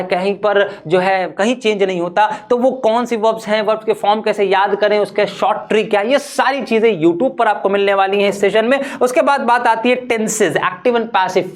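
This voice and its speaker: A young man teaching an English class online. He talks in a lively way, asks rhetorical questions and answers them himself, and drops English terms into his Hindi. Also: high voice.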